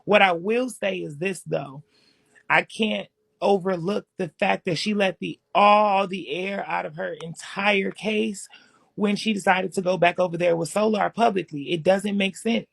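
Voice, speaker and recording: A young woman co-hosting a casual livestream, giving her views in a reflective, measured way. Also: mid-range voice, creaky, husky, dry recording. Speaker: livestream co-host. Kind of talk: casual chat.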